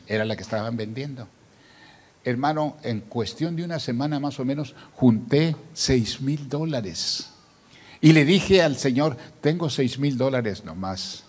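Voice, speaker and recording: A man's voice: medium pitch, husky, long reverb tail. An older man, a pastor, telling his story in a sermon and acting out the dialogue. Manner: storytelling, acts out dialogue, grows loud and emotional. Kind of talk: sermon testimony.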